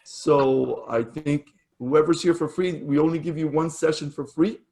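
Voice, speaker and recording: A man's voice: on the high side, steady tone, measured pace, gravelly, darkish tone. Man hosting a casual video meetup. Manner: chatty, with fillers and self-corrections. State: losing his voice. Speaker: meetup host. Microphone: video call.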